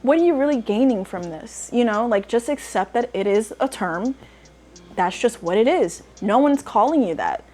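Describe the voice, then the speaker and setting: A woman's voice: a little high, animated, normal speed, dark tone. A young woman giving casual online commentary, exasperated and emphatic, with lots of "like" fillers. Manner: exasperated, emphatic ranting with frequent "like". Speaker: social media commentator.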